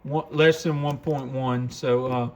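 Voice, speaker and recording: The speaker owns a radio shop and, indoors there, walks through a product demo hands-on, explaining each step casually and folksily in plain terms. He has a medium-pitched voice, a steady tone and a measured pace, and the recording carries a little hiss or hum.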